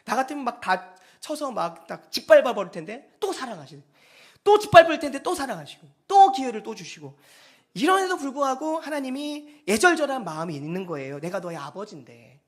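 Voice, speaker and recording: A pastor delivers a Sunday sermon in a church. The pitch swings widely and the delivery stays animated. The pastor often slips into acted-out voices for quoted speech. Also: a little fast.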